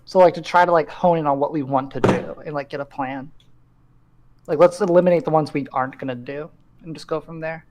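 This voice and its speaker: Male tabletop player, slightly high-pitched, informal conversational talk. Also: fairly even intonation, fairly quick, a little mellow, slight background noise. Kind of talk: casual chat during a game.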